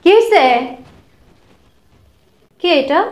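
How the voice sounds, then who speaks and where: A woman playing a cruel young wife who shouts insults and sneers at her husband and mother-in-law in a skit. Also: extremely slow, echoey room. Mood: scornful.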